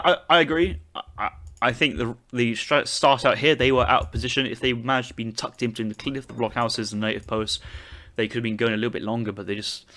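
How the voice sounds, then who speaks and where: A young esports caster covers a strategy game tournament, thinking aloud as he breaks down units and matchups. His voice is medium in pitch with a fairly bright tone.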